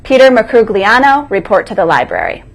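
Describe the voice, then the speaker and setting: A woman's voice: a little high, sing-song, a little fast. A woman co-hosting a school morning broadcast, reading scripted announcements aloud.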